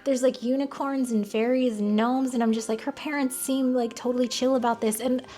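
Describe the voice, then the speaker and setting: A woman's voice: fairly high pitch, fairly even intonation, fairly quick, mellow. An American woman giving casual, opinionated commentary in a blunt, wry, conversational way. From United States. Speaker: video commentator. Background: music.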